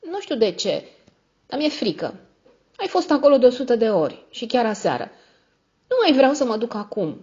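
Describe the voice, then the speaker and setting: A woman's voice: a little high, very animated, long pauses, darkish tone, voice pushed up. A woman voicing a terrified young boy. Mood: frightened. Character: frightened young boy, stubborn and trembling. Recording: dull lo-fi audio.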